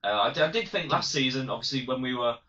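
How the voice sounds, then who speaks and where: A man co-hosting a casual fan podcast, agreeable and enthusiastic, chiming in with quick replies. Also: mid-range voice, animated, sharp tone, dull audio. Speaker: podcast co-host.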